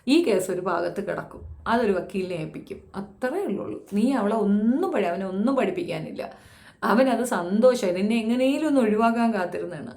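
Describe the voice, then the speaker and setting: A woman's voice: medium pitch, darkish tone, echoey room. A woman giving a blunt, impassioned commentary, scolding and firing rhetorical questions at young women. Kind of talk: impassioned social commentary monologue.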